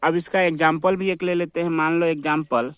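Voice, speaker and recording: Male teacher, slightly high voice, dry close recording, drills words with self-answered questions. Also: fairly even intonation, a little fast, a bit bright, smooth, no room sound. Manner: repetitive, asks and answers his own questions. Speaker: English teacher. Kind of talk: classroom-style vocabulary lesson.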